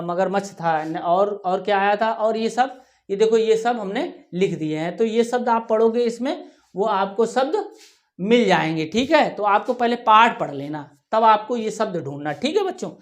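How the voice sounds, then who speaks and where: A woman teacher giving a workbook lesson to young children, saying each word slowly and then repeating it for the class to echo. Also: medium pitch, expressive. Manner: talks children through writing tasks, often ending with "ठीक है". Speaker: primary school teacher.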